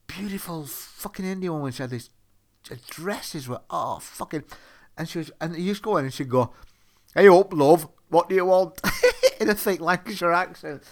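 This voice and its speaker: A man's voice: fairly high pitch, sharp tone. Swearing man ranting. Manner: profane, exasperated storytelling. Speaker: podcaster. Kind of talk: ranting monologue.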